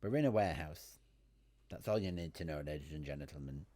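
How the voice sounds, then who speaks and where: A man's voice: rumbling low, a little fast, warm tone. A man chats over a video game. His commentary is casual and jokey, like banter with a friend. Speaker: gamer commentating on a playthrough.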